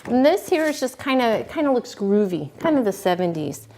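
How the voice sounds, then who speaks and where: A woman cake decorating instructor giving a relaxed, folksy hands-on demonstration, talking as she works. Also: on the high side, moderate pace. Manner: folksy, relaxed, talks while working.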